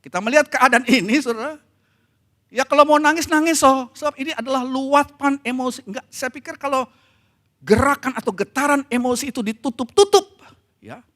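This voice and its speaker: High-voiced male pastor preaching. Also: a little fast. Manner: conversational preaching, swinging from soft to emphatic. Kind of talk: sermon. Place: church.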